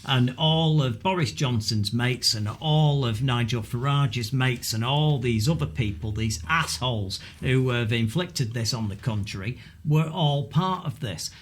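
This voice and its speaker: A man's voice: medium pitch, a little slow, hardly any pauses. A man with a Mancunian accent co-hosting a political podcast, blunt and argumentative as he rants about the news. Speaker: podcast co-host. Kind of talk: political opinion chat.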